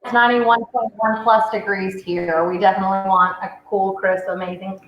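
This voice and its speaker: A woman hosting a wine tasting talks in a chatty, rambling, enthusiastic way. Her mid-pitched voice comes through an echoey, muffled call with faint noise behind it. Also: flat delivery, normal speed, fairly bright tone. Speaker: wine shop host. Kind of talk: casual virtual tasting chat.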